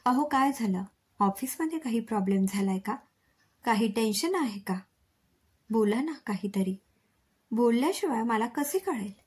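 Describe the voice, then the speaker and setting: A woman voicing a caring middle-aged mother and wife in a storybook reading, with a breathy voice. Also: a little high, lively intonation, normal speed, long pauses, a little mellow. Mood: coaxing.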